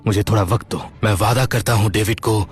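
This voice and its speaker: A man's voice: on the low side, fairly even intonation, quick pace, close to an everyday voice. An actor playing a principled young scholar who protects his wife, speaking firmly and reassuringly, in a Hindi drama dub. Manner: firm, reassuring. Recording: soft music behind the voice.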